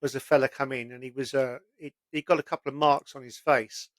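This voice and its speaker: A man's voice: medium pitch, fairly even intonation, brisk, dry recording. A man, hosting a casual conversation and telling stories in a chatty, plain-spoken way.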